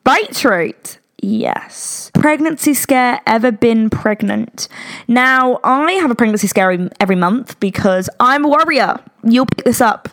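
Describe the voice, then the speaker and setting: A woman's voice: a little high, moderate pace. Chatty British woman, frank and giggly. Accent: British English. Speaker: podcast host. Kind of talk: casual chat.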